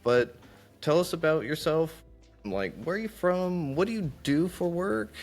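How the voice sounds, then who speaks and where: A man's voice: on the high side, expressive, measured pace, faint music behind. A man hosting a podcast interview, talking in a friendly, candid, conversational way. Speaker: podcast host. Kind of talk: casual interview chat.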